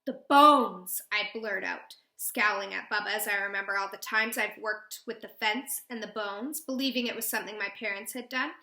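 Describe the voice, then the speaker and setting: A woman reading a children's novel aloud, expressive and lively in her narration, in a roomy echo. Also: mid-range voice, fairly quick, hardly any pauses. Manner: expressive, voicing a girl's emotions. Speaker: read-aloud host.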